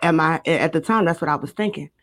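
A woman's voice: deep voice, fast talker. Young woman telling her story steadily. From Maryland, United States. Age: 20s. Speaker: guest. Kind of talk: recounting a personal story in a casual interview.

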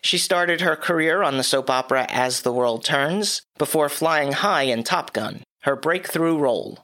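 A man's fairly high voice, pushed and bright and a touch hoarse from coughing, carries a scripted movie review on the podcast he hosts. He takes his time, slipping dry, wry asides between the lines.

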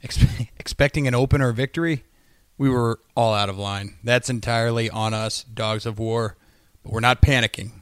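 A man's voice: medium pitch, fairly even intonation, moderate pace, clear, resonant tone, no echo. A man co-hosting a casual sports fan podcast, telling stories in a bantering, salty way. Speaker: podcast co-host.

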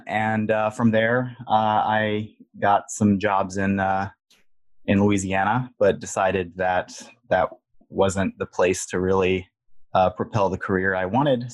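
A man appears as a guest software engineer on a podcast, speaking casually and haltingly with plenty of filler words. His voice sits low, and the recording is dry.

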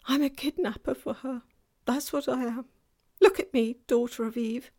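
A woman voicing a gentle, guilt-ridden male fawn in an anguished, self-reproaching, melodramatic way for a children's storybook. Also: sits high, fairly even intonation, normal speed, pitched above the performer's own voice. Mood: guilty, confessing. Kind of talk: dramatized children's storybook reading.

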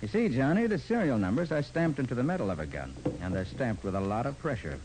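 An actor playing a confident, persistent detective with a firm, clipped way of explaining, in 1940s radio drama style. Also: male voice, mid-range voice, big pitch swings, fast, noisy background, natural voice.

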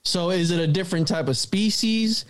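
A man from Puerto Rico co-hosting a podcast, telling stories in an animated, slangy way. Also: high voice, normal speed. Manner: animated storyteller, slangy, says bro and dude. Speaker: podcast co-host. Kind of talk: casual podcast chat.

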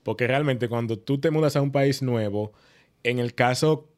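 A man's voice: medium pitch, moderate pace, darkish tone. Explanatory man with a Dominican accent. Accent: Dominican Spanish. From Dominican Republic. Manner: explanatory, builds points with examples. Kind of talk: conversational discussion.

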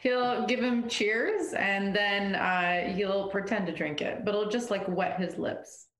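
A woman's voice: medium pitch, slow, fairly bright tone, faint music behind. A woman casually playing a tabletop game, talking through her character's moves. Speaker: player. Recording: roomy echo.

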